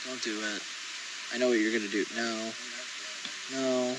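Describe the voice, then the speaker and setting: A man's voice: medium pitch, flat delivery, unhurried. A man co-hosting a casual show, teasing his partner and chatting easily about a film trailer. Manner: easygoing, teasing, soft-spoken asides. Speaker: podcast co-host. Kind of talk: casual chat over a trailer. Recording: noisy home recording with hiss.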